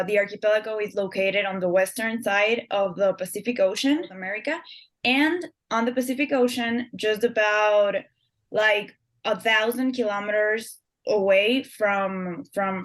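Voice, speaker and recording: A young Ecuadorian woman, appearing as a guest author, answers interview questions in a chatty manner, full of fillers and restarted words. Her voice is mid-range.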